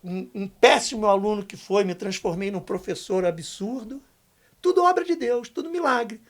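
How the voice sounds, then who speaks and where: An older man, a podcast guest telling a testimony story, emphatic and slangy, going hushed when quoting others. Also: high-pitched, normal speed. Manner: emphatic, slangy, dips to a hushed voice for quoted lines.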